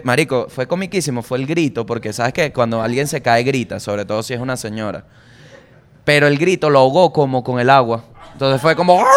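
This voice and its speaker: Slangy Venezuelan comedian man. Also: medium pitch. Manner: slangy, animated, swears freely, jokey asides. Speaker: comedian podcast host. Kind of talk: casual comic monologue.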